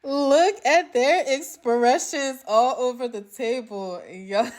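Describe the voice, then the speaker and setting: A woman's voice: sits high, takes it slowly, a little mellow. A woman giving a casual, gushing recap of a TV drama episode, talking chattily to her viewers.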